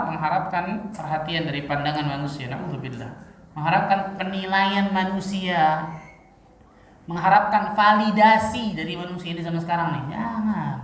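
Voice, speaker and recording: A man preaching a sermon in a lively teaching manner, full of rhetorical questions and casual asides. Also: high voice, a little hiss or hum. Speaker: Islamic preacher. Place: mosque. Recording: echoey hall, mic far off.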